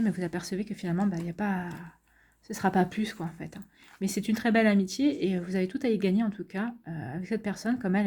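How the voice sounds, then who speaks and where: A middle-aged woman talks viewers through a card reading in a relaxed, chatty way. Her voice is mellow and warm, and she keeps reassuring them, with plenty of hesitations and restarts. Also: mid-range voice. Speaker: tarot card reader.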